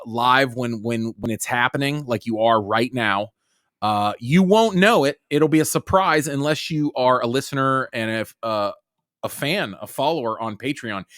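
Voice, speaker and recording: Bright-voiced jokey podcast host man. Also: medium pitch, no echo, clean studio sound. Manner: loose and jokey, says "dude" a lot. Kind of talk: casual comedy podcast chat.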